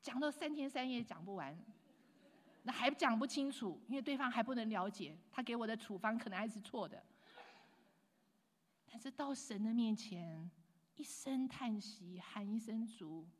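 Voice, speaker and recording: A woman preaches a sermon in a rather high voice, swinging from loud, emphatic lines to hushed asides. She slips English phrases into her talk. Her voice rings out with a long reverb, as in a large church hall. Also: expressive, moderate pace.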